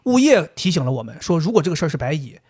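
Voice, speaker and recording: A man co-hosting a casual podcast, telling a story in an animated way and laughing often. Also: fairly high pitch, racing, husky. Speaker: podcast co-host.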